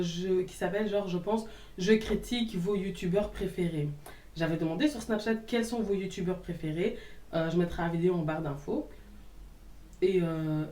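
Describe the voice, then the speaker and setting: A woman's voice: fairly low pitch, mellow, recorded from a distance. A young woman talks casually and sassily to her viewers, answering hater comments in an outspoken way. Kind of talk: casual vlog chat. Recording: roomy echo, a little off-mic.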